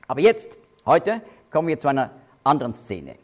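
A man teaching through Bible verses, explaining terms with slow, stressed emphasis. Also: mid-range voice, huge pitch swings, a little mellow.

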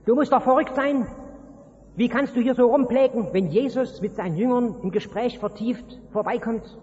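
A man's voice: very high voice, moderate pace, a little mellow. A man preaching a sermon voices scornful, threatening bystanders, heard in a dull recording with a long hall reverb. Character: bullying crowd of men, scornful and threatening.

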